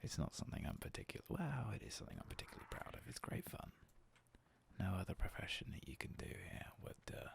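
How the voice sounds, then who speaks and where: Worn hoarse from a long shift at work, this man hosts soft-spoken ASMR gameplay in a deep, gravelly, coarse voice. His delivery is a gentle half-whisper, loose and rambling, often poking fun at himself. A faint hiss or hum can be heard.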